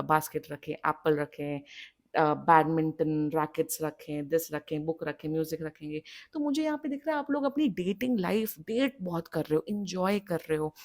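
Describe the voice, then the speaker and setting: This is a young woman with an Indian accent giving a tarot reading in an easygoing, conversational way. She talks like a friend handing out advice, lively and expressive, and mixes English phrases into her sentences. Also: fairly low pitch. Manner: chatty and animated, mixing Hindi with English phrases. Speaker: tarot reader. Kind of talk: casual tarot reading monologue.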